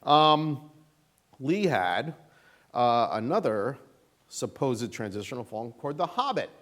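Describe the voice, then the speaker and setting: With a mid-range voice and slow pace, a middle-aged man teaches Sunday school at church. He keeps it casual, animated, and folksy, using many fillers and a sarcastic edge.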